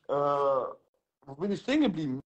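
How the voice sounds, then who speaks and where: Animated high-voiced man, teasing and slangy. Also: a little slow, dull audio. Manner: teasing, slangy with Arabic interjections. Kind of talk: casual livestream banter. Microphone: phone, video call livestream.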